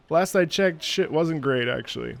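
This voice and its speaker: A gravelly, somewhat high male voice offers laid-back gameplay commentary full of dry sarcasm. The speaker is a streamer reacting to a game who used to sing opera.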